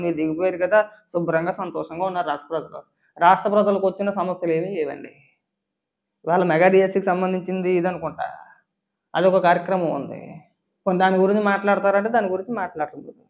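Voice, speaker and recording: A man's voice: high voice, highs cut off. A man giving a political commentary rant, firing off sarcastic, indignant rhetorical questions.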